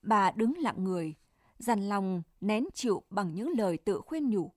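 A woman narrating a literary story in a measured, solemn storytelling manner. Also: medium pitch, animated, dry recording, clean studio sound.

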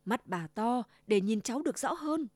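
A woman's voice: a little high, animated, moderate pace, dry recording. Woman putting on a sly old wolf. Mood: fake sweet. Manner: growling, then fake soft trembling voice. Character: sly old male wolf disguised as granny.

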